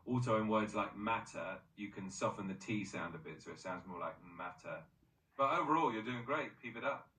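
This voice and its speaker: Upbeat bright male AI voice assistant. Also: fairly low pitch, lively intonation, fast, few pauses, echoey room, distant mic, rough recording. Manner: upbeat, encouraging, praises often. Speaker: AI pronunciation coach. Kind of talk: voice assistant coaching.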